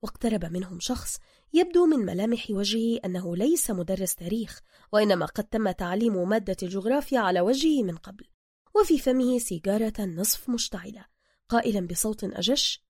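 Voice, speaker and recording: A woman with an Egyptian accent narrating a story aloud and voicing its characters in a lively manner. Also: medium pitch, fairly quick, husky, no echo, clean studio sound. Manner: lively, shifting between many character voices. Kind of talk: storybook narration with acted voices.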